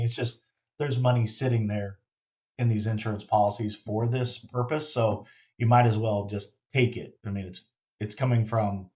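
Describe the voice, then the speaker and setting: A middle-aged man telling a personal story in a casual, halting way, often repeating words and restarting as he reflects. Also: fairly low pitch, darkish tone. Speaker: grieving father telling his story.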